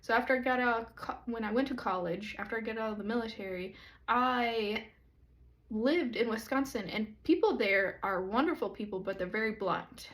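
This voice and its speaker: A woman from the southern United States, a church co-founder and pastor's wife, talking slowly and earnestly in a self-recorded video. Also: fairly high pitch, fairly bright tone. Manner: slow, reflective, earnest and inviting. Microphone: self-recorded camera or phone.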